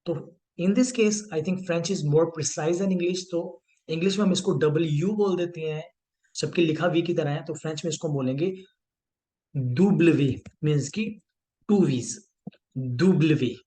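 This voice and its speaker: A man teaching a language lesson, mixing Hindi and English and repeating each sound slowly for learners. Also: a little high, mellow. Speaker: French teacher.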